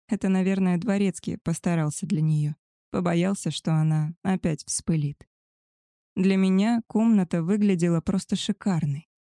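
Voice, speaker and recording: A woman reading a first-person story aloud in a wry, even storytelling manner. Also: lowish voice, dry recording, studio quality. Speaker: audiobook narrator.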